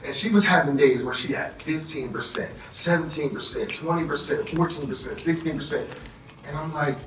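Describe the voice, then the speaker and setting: Speaking fairly quickly in a fairly high, slightly bright voice, an American man leads a sales training session as a motivational trainer and keeps checking in with listeners. The workshop audio has a roomy echo from a distant mic, faint music, and a little hiss or hum.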